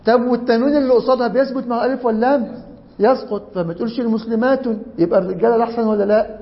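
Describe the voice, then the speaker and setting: Quick high-voiced Egyptian teacher. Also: male voice, highs cut off. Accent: Egyptian Arabic. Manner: animated, jokey, asks the class questions. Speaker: teacher of Arabic grammar. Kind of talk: lively classroom grammar lesson.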